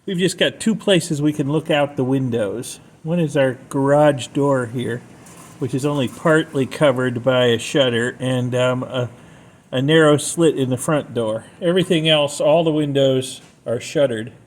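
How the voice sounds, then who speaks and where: Speaking unhurriedly in a mid-range voice, a man narrates what he sees around his home during and after a storm for a homemade vlog. It's a casual handheld recording with background noise.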